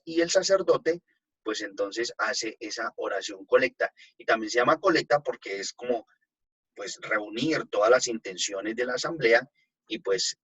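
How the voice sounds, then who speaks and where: A man, a priest, giving a relaxed talk on liturgy to a group and taking their questions, checking in often with his listeners. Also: medium pitch, husky, rough recording. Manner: conversational, checks in with "¿no?" and "pues". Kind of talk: informal teaching talk with audience questions.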